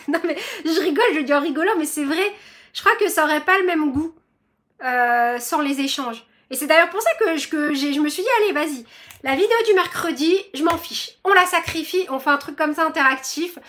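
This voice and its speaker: With a high, somewhat bright voice, a young woman runs a crochet vlog. She talks to viewers in a bubbly, rambling manner, using lots of fillers and calling herself a chatterbox.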